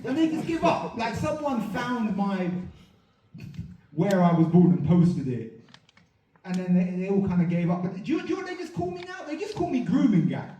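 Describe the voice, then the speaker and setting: A man doing a crude, mocking stand-up set before a laughing crowd, dropping to mutters and bursting into loud outbursts. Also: high voice, sing-song, normal speed, background noise. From England. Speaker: stand-up comedian. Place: comedy venue with a live audience. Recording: echoey room mic'd from a distance, loud crowd laughter.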